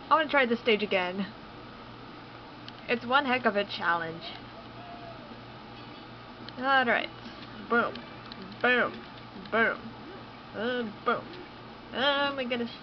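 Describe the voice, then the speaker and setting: A young woman with a slightly high voice talks very slowly through a video game and keeps breaking into startled exclamations. The recording sounds dull and lo-fi, with a faint hiss underneath. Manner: excitable, exclaiming and laughing at the game. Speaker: let's play gamer. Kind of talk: casual game commentary.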